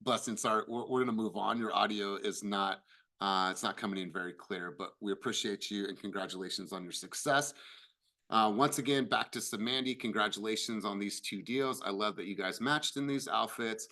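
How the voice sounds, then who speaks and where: Bright-voiced man hosting a team call. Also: on the low side, fairly even intonation, brisk. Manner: upbeat, congratulatory. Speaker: team meeting host. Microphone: video call.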